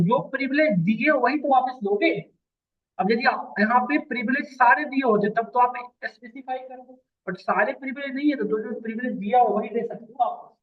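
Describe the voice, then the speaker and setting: Man teaching, thin phone-line sound. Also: extremely high pitch. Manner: addresses students as beta, asks checking questions. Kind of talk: classroom lecture. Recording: distant mic, phone-like lo-fi sound.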